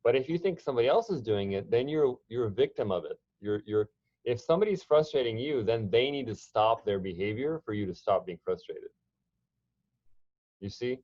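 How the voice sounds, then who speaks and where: A man's voice: mid-range voice, expressive, normal speed, a little mellow, dry recording, highs cut off. A man presenting an online workshop, talking conversationally with frequent restarts and fillers. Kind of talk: online training talk.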